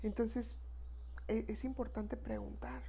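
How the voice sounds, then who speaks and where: A woman's voice: a little high, big pitch swings, takes it slowly, mellow, slight background noise. A woman, an expert guest explaining in an earnest, conversational way and tagging her points with a questioning "no?". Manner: earnest, repeats 'no?' tags, acts out quoted phrases. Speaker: expert guest on death and grief.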